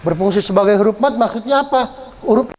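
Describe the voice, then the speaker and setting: A man teaching Quran reading rules step by step, often tagging his sentences with "ya" and drawing out example words slowly. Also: high-pitched, darkish tone, a little hiss or hum. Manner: explains step by step, often adds "ya"; draws out example words slowly when chanting them. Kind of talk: Quran recitation lesson. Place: study gathering hall.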